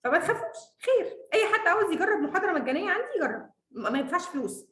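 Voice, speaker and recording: An Egyptian woman with an Egyptian Arabic accent, teaching English in a confident, lively, casual online lesson and laughing often. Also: very high-pitched, rapid-fire, echoey room.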